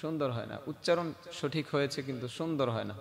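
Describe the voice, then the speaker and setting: A man teaching children Quran recitation, questioning and coaxing them, then modelling the verses slowly. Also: medium pitch, gravelly, long reverb tail, a crowd in the background.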